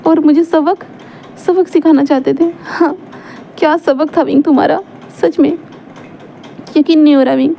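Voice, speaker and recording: A woman's voice: high-pitched, fairly even intonation, moderate pace, creaky, long pauses, mellow, a little hiss or hum. A woman voicing a drunk, heartbroken young man who weeps and rambles as he repeats himself. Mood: drunk, tearful.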